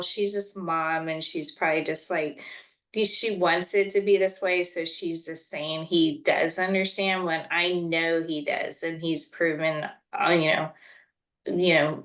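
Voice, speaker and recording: A woman's voice: on the low side, fairly bright tone. A woman speaking as a parent guest in a casual conversation, earnest and full of fillers.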